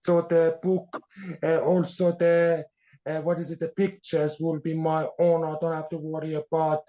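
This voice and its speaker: Halting man from Iran, muffled sound. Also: on the high side, level tone, warm tone. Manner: halting, searching for words, many fillers. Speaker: author guest. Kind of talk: podcast interview. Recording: dull lo-fi sound.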